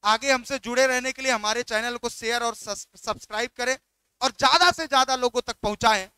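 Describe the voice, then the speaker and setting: A man's voice: very high-pitched, brisk, pushed and bright, smooth, dry recording. A man teaching biology, walking through exam questions and coaxing students by repeating each question back.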